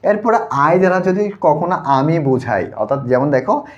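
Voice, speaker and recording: A man's voice: on the high side, expressive, moderate pace, highs cut off. A man teaching an English grammar class in Bengali with a Bangladeshi accent, explaining step by step and asking and answering his own questions. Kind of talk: online class lesson.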